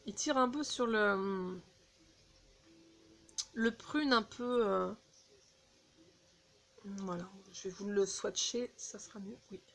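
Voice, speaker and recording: A woman casually chatting through a beauty haul, halting with fillers and restarts, recorded on a phone indoors. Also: medium pitch, fairly bright tone, a little hiss or hum. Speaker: beauty vlogger.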